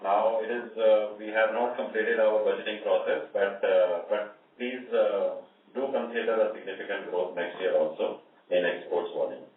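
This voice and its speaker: A man, a company executive answering analysts on an earnings call in a measured way, with many fillers. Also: lowish voice, fairly even intonation. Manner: measured, many fillers, repeats "see" and "right?". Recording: echoey distant phone line.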